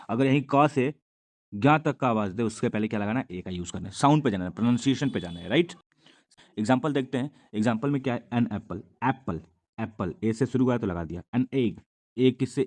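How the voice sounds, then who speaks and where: A male teacher walks students through a grammar lesson. He talks patiently and keeps asking rhetorical questions, then answers them himself. His voice sits at an ordinary middle pitch. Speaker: English teacher.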